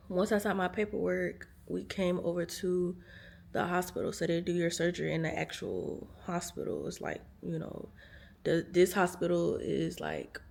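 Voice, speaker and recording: A tired American woman vlogs from a hospital room, telling stories to the camera in a chatty way, full of fillers and addressing her viewers as "y'all." Her voice is lowish, creaky and a little mellow.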